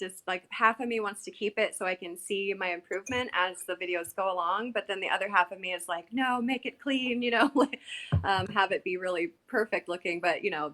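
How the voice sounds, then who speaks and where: A woman's voice: on the low side, bright, forceful tone, low-quality recording. Self-deprecating woman asking a question on a call. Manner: self-deprecating, laughs at herself. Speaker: attendee of the online training. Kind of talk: live video-call Q&A. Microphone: video call.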